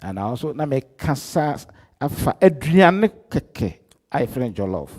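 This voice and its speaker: A middle-aged man from Ghana with a Ghanaian accent, an apostle giving a live-streamed church address that swings between loud emphasis and soft asides. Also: mid-range voice, very animated, normal speed. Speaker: apostle preaching.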